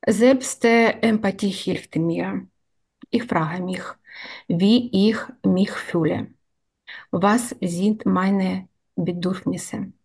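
A woman with a Ukrainian accent speaks slowly over a video call, pausing often to find her words. Her pitch sits in a middle range, and she sounds halting and careful. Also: a little mellow, breathy edge. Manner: halting, many filler sounds, slow and deliberate. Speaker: participant introducing herself. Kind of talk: careful self-introduction in learned German. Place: indoor room.

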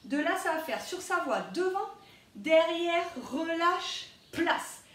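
A woman's voice: very high-pitched, slow pace, a bit bright, slight background noise. A woman teaching a dance routine, counting beats aloud and scatting the rhythm, with English cues mixed into her French. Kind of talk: dance tutorial, counting steps. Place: dance studio. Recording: roomy, distant camera sound with music. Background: dancehall music.

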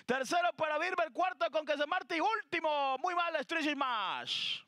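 A male race caller with an extremely high, forceful voice and a dry, close sound. His horse racing commentary is excited and insistent as he tracks the runners. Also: a little slow, no echo. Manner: excited, insistent calling of the action.

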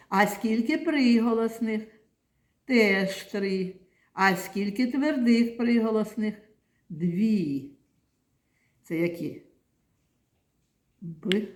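A woman's voice: medium pitch, a little mellow. A woman teaching a lesson to young children in a classroom, patient and coaxing, often praising them. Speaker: primary school teacher. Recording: echoey classroom.

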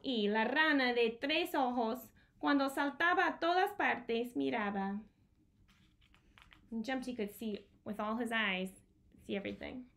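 Reading a bilingual picture book aloud to young children, this storytime presenter speaks slowly in a higher, creaky voice. She stays expressive, explaining and repeating key words from a small indoor room with bookshelves.

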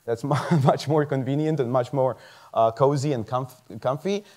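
A Croatian medical student in his thirties, whose first language is Croatian, gives a motivational talk on a large theater stage. His mid-range, slightly mellow voice moves at a moderate pace, and he speaks earnestly, chuckling often and restarting words.

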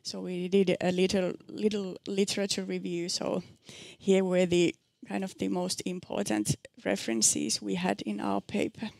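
Gravelly, flat-toned woman presenter. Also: mid-range voice, normal speed, few pauses, dry recording. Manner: hesitant, many fillers and restarts. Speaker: researcher presenting a study. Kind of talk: answering audience questions at a seminar. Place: seminar room with an audience.

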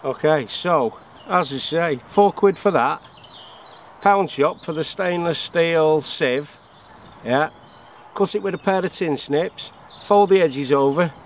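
With a fairly high pitch and a slow delivery, a middle-aged English man casually demonstrates his bushcraft gear at a woodland camp, joking around and answering his own questions. Birdsong and faint outdoor noise surround the action camera, mounted on his chest or a tripod.

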